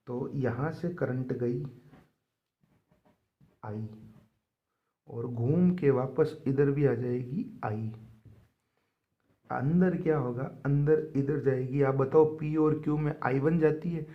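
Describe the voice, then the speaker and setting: A man's voice: mid-range voice, slow, pauses often, lo-fi sound. A man teaching a physics lesson for board exams, calling his students kids and slipping English terms into his explanations. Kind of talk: board exam tutorial.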